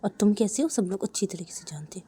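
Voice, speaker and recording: A woman voicing a defiant, sharp-tongued young woman who scolds and bosses. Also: mid-range voice, very animated, moderate pace. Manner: bossy, scolding.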